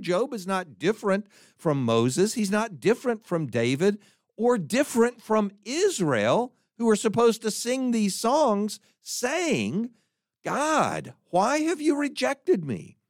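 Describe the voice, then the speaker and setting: A man's voice: sits high, sing-song, a little slow, dry recording, clean studio sound. A man preaching a sermon, reading scripture aloud with emphasis and breaking into conversational asides.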